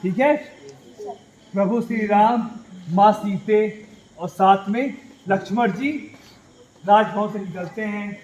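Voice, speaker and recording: High-voiced man telling a story to children. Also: a little mellow, a little hiss or hum, rough recording. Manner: asks rhetorical questions and answers them himself; sings the crowd's plea in a drawn-out chant. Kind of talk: storytelling to schoolchildren. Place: school hall at night.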